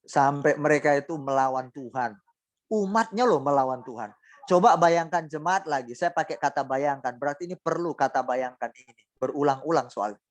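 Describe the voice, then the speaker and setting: A man's voice: fairly high pitch, fairly quick, no echo. A male pastor preaching a sermon, asking his congregation rhetorical questions and often acting out quoted voices.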